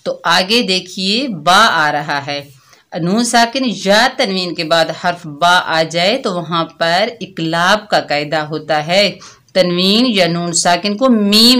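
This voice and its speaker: A woman's voice: lowish voice, fairly bright tone. Woman teaching Quran recitation rules. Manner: patient, explains rules step by step with checking questions; recites words slowly and drawn out as examples. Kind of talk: online tajweed lesson, word by word.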